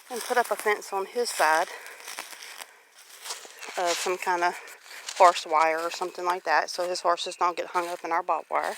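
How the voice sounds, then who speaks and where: In a casual walk-and-talk, this forties-aged homestead vlogger with a Southern US accent strolls her rural property, chatting unhurriedly. Her voice is on the low side and a bit bright, captured on a handheld camera or phone in a noisy outdoor recording with clicks.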